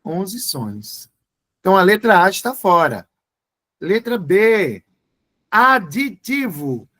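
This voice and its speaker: A man's voice: sits high, very animated, slow, a bit bright. A man teaching an exam-prep grammar lesson, spelling words out letter by letter.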